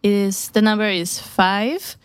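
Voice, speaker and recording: A woman's voice: mid-range voice, steady tone, slow, clear, resonant tone, dry recording. A woman from Brazil, co-hosting a casual radio chat in a studio, giggly and upbeat. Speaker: radio co-host.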